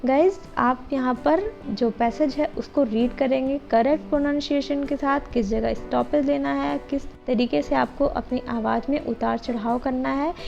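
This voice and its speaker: An Indian woman with a high, gravelly voice walks through a lesson plan, slowing down to read English phrases before explaining. The audio is dull and lo-fi, with music playing behind her. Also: fairly even intonation, warm tone. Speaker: teacher-training tutor.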